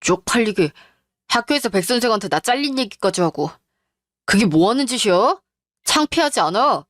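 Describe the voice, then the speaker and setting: A woman's voice: a little high, lively intonation, moderate pace, no echo, clean studio sound, natural voice. A woman voicing a sulky, defensive husband who has lost his job.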